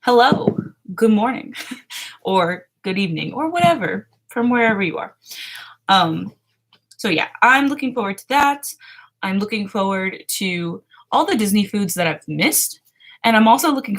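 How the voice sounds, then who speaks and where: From a webcam at her desk in a small bedroom, a woman in her twenties hosts a morning livestream, talking casually with chat readers. Her medium-pitched voice is a little bright, and she laughs a lot and lets sentences fade out with fillers.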